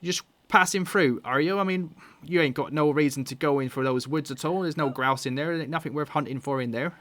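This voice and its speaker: A man's voice: on the high side, fairly quick, fairly bright tone, dry recording, natural voice. A man voicing a suspicious halfling farmer woman who is protective of her son. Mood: wary. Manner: suspicious, scolding.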